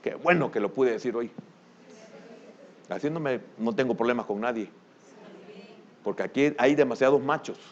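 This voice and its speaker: An older man preaching a sermon as pastor, with a Salvadoran Spanish accent, who bursts into loud exclamations and then drops to a low murmur. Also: normal speed, pauses often, lo-fi sound.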